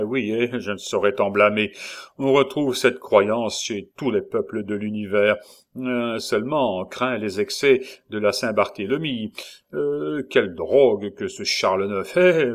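In this audiobook character voice, a man of medium pitch and natural timbre plays a traveling salesman who is jovial, mocking and menacing. He teases constantly, his lines full of fillers.

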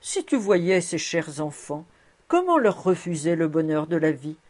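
A woman's voice: deep voice, very animated, measured pace, darkish tone, exaggerated voice. A woman doing a kindly, shrewd old rabbi. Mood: pleading. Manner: fond, knowing, pleading.

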